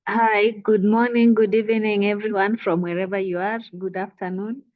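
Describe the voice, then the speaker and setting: A woman's voice: medium pitch, little pitch movement, moderate pace. Kenyan woman, muffled call audio. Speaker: youth advocate, panelist. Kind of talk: webinar self-introduction. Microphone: video call.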